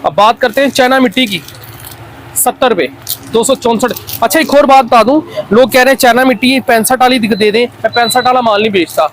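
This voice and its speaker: A man with a Pakistani accent making an unscripted hard-sell pitch as a wholesale seller, insistently repeating his lines. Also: brisk, a bit bright, slight background noise. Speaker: wholesale toy seller presenting stock.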